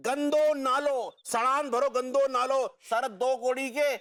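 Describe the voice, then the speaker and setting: A high-voiced rustic, laughing at hardship. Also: male voice, fairly even intonation, measured pace, fairly bright tone, full character voice. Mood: wry self-pity.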